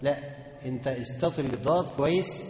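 A man with an Egyptian Arabic accent teaching Quran recitation, chanting sounds slowly and then explaining them quickly. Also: medium pitch, darkish tone, a little hiss or hum. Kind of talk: tajweed lesson to students. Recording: echoey hall reverb.

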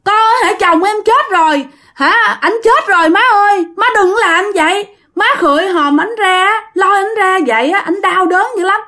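A woman's voice: moderate pace, few pauses, bright, forceful tone. A woman voicing a desperate young widow who wails and pleads hysterically. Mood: wailing. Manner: wailing, shrill pleading.

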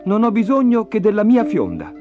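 A man voicing a fearless young shepherd boy who speaks calmly and earnestly, in a dull lo-fi recording with music. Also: sits high, normal speed, pitched above the performer's own voice. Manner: calm, steady, earnest.

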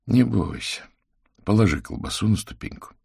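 A man voicing a calm adult sorcerer who speaks gently and patiently. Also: lowish voice, moderate pace, gravelly, breathy edge, no echo, studio quality, voice pushed up, exaggerated voice. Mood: soothing. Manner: soft and reassuring, drops to a hush.

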